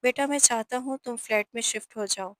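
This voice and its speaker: A woman voicing a wealthy older father who gives gentle orders in a storybook reading. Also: a little high, fairly quick, no echo, studio quality, close to an everyday voice. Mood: commanding.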